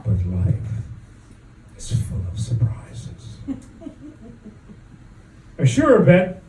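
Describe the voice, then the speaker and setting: A man reading a spoken-word story at an open mic, with a deliberate, halting, dramatic delivery and drawn-out pauses. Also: high voice, wildly swooping pitch. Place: echoing room at an open mic event. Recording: roomy, distant mic, faint background noise.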